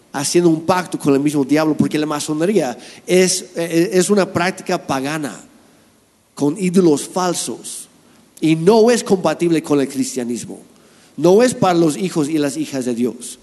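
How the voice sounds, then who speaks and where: A man's voice: a little high, animated, unhurried, a little mellow, big-room sound. A man preaching a sermon in an earnest, explanatory way.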